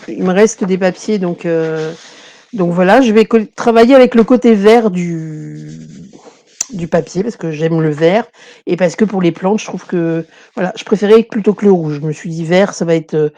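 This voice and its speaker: Chatty woman demonstrating crafts, mellow voice. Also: medium pitch. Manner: chatty, digressive, many fillers and restarts. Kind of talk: casual live craft tutorial.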